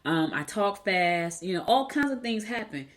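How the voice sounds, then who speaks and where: A woman's voice: mid-range voice, animated, moderate pace. A middle-aged woman hosting a motivational solo podcast, speaking candidly with repeated phrases for emphasis, her words slightly slurred and stumbling from braces. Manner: talks with braces, stumbling over words at times. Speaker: podcast host.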